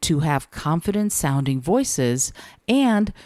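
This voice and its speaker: Low-voiced woman, measured podcast host. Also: very animated, a little mellow, no echo. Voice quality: low speaking voice. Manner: measured and deliberate, with thoughtful pauses. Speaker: podcast host and communication coach. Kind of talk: solo podcast talk.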